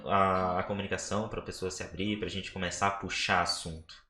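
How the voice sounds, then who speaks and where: A man with a Brazilian Portuguese accent co-hosting a nutrition podcast, talking fast and then slowing down to stress a point. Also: sits low, level tone, bright, forceful tone, roomy sound. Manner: quick talker who slows down to stress points. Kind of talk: casual podcast discussion.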